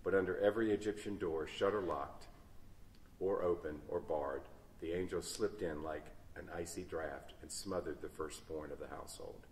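Deep-voiced man reading a story in a church. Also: normal speed, slight background noise. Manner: dramatic, varying loudness. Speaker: story reader. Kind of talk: expressive read-aloud storytelling. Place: large church. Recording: echoey church hall, distant mic.

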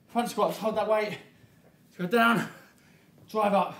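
A man's voice: high voice, fairly even intonation, takes it slowly, a bit bright. A man, out of breath as he coaches a workout while exercising, giving short motivational cues. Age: 30s. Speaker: fitness coach. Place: indoor gym studio with hard floor. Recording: echoey room, audible background noise.

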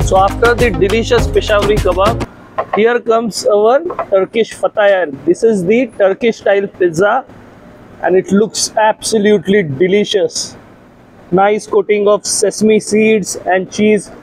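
A middle-aged man with an Indian accent, high in pitch, hosts an enthusiastic food vlog, switching easily between Hindi and English. He talks into a lapel mic at an open-air restaurant, with faint music playing behind him. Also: fairly even intonation, drawn-out words. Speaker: food vlogger host. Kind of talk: casual food vlog commentary.

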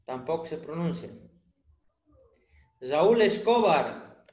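A male finance teacher giving an online class, his voice sitting fairly high. He asks students questions and teases them with dry humor. The sound has a roomy, echoing quality. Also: animated, slow, darkish tone, slight background noise. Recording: roomy echo.

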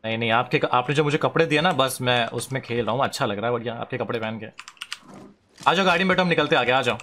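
A young man streaming a mobile game, urging a teammate along with quick repeated commands. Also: medium pitch, bright, forceful tone, slight background noise. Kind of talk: live gameplay chat.

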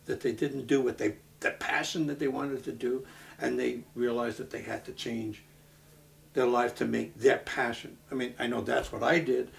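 A man, from Brooklyn, speaking earnestly in a documentary interview, halting with many restarts. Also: mid-range voice, steady tone, vocal fry, a little hiss or hum. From Brooklyn, New York. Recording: voice from a distance off the mic.

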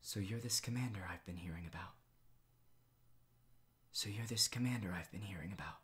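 An author voicing a calm male superhero who speaks softly, near a whisper, in an audiobook whispered role-play. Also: fairly low pitch, fairly quick, lightly acted. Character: soft-spoken male hero, living tornado.

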